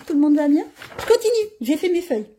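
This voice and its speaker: A woman's voice: high-pitched, sing-song, fast talker, warm tone, slight background noise. A woman hosting a coloring channel, chatting casually and showing her pages, grumbling and poking fun at herself. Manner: chatty, grumbling and self-mocking.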